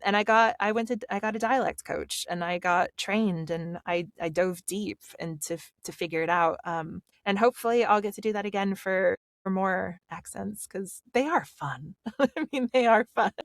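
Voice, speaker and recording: In a dry, clean studio recording, a woman speaks at a moderate pace in a mid-range voice, barely pausing. A Pacific Northwest native and audiobook narrator with a General American accent, she's lively and chatty in her podcast interview, leaning on many fillers.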